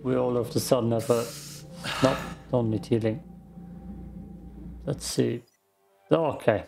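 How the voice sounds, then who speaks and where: Over soft background music, a gaming streamer mutters casual let's play commentary as he plays. He's a native German speaker with an Austrian accent, and his medium-pitched voice is steady, slow, creaky and somewhat dark.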